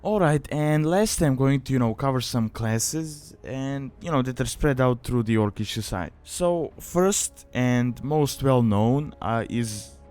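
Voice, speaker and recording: He has a smooth, slightly mellow, medium-pitched voice that's expressive and unhurried, with few pauses, and faint music plays behind. As a gaming video maker and guide host, he gives a casual, rambling explanatory voice-over peppered with "you know" and "like."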